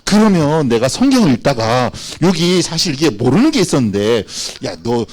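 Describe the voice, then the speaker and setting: A man's voice: a little high, sing-song, a little fast. A man preaching a children's sermon, telling the story expressively and addressing the children directly. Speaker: children's pastor.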